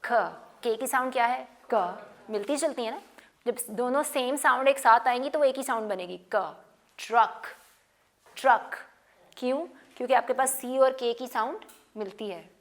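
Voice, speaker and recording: This woman leads a slow phonics lesson, mixing Hindi and English and drilling every sound through repetition. She talks at a normal speed in a voice on the high side.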